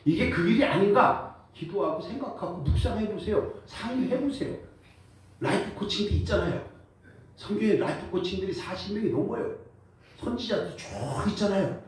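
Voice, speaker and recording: A man preaching as pastor, lively and joking, calling for responses from the congregation. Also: high voice, moderate pace. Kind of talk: sermon. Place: church sanctuary. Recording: echoey church hall, voice from far off.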